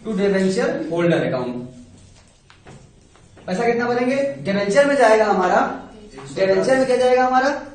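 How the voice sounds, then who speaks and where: High-voiced man teaching in an echoey room. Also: expressive, moderate pace, pauses often, distant mic. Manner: repeats key terms, quizzes students, reassuring. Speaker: commerce teacher. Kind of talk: classroom lecture. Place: classroom.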